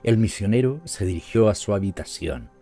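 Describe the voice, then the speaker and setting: A man with a Latin American Spanish accent narrating an audiobook story in a measured, even way. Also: fairly low pitch. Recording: soft music underneath.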